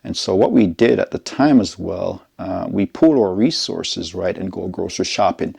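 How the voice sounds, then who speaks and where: A middle-aged man from Jamaica, a college educator giving a measured, explanatory advice talk and often checking in with his listeners. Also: low voice, animated, gravelly, a little mellow, breathy edge. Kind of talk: informational advice talk to camera.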